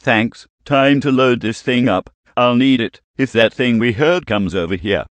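A man's voice: medium pitch, unhurried, no room sound, lightly acted. A man playing an eager, blunt survivor fighter in an audio drama, talking casually. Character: eager male survivor fighter hungry for ammo.

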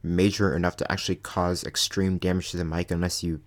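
With a low-pitched, level voice and a fairly quick pace, this young channel host loosely talks his way through a microphone review. He fills it with verbal fillers and jokes at his own expense, speaking into a desk USB mic.

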